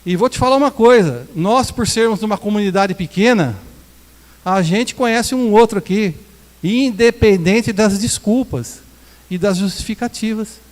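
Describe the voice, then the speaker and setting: A high-pitched male voice with a large-hall sound, from a Brazilian pastor in a small church hall. He preaches in Brazilian Portuguese-accented speech, conversational and joking, acting out quotes from his congregation.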